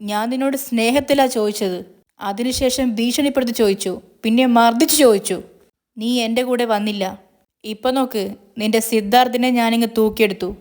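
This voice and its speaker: Speaking fairly quickly in a high-ish, slightly mellow voice that stays close to her everyday sound, a woman plays a male villain on the phone. As the gloating kidnapper, she mocks, taunts, and menaces.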